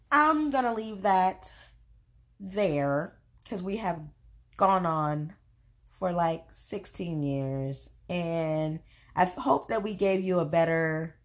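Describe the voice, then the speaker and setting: A young adult woman co-hosting a casual podcast chat, talking in an animated, emphatic way. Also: low-pitched. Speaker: podcast co-host.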